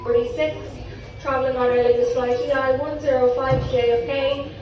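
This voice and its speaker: A woman's voice: high voice, fairly even intonation, brisk, far from the mic. A woman gate agent making an airport boarding announcement. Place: busy airport terminal. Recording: muffled, very echoey airport PA, crowd noise.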